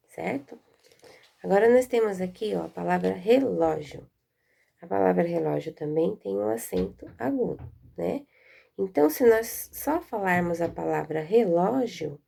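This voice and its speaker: Gravelly Brazilian woman teaching children. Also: fairly low pitch. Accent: Brazilian Portuguese. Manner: patient, checks understanding often with "né?" and "tá vendo?"; calls out sample words loudly and slowly to show stress. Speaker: primary school teacher. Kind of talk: recorded remote lesson.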